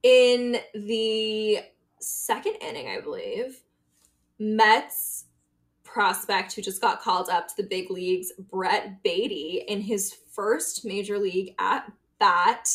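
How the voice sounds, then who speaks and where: A woman co-hosting a sports podcast in casual chat, emotional and quick to laugh. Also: mid-range voice, expressive. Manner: emotional, chatty, laughs often. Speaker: podcast co-host.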